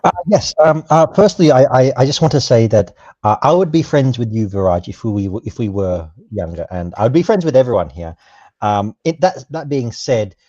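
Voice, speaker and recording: A man on a podcast, talking hesitantly about his life with many pauses and restarts. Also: mid-range voice, lively intonation, mellow, dry recording, dull audio. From Australia. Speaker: podcast panelist. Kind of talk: casual personal chat.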